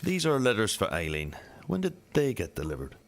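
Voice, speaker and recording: A man plays a police detective in an amateur radio drama, speaking in a low voice whose pitch swoops wildly. His questioning is measured, formal and matter-of-fact, with a businesslike mood, and faint noise sits behind him.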